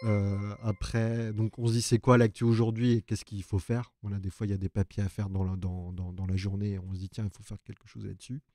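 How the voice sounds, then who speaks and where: Low, mellow-voiced male journalist. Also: little pitch movement, fairly quick, few pauses, soft background music. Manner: explains at length, thinking aloud. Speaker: journalist on the ecology desk. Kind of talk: casual live chat. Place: open newsroom.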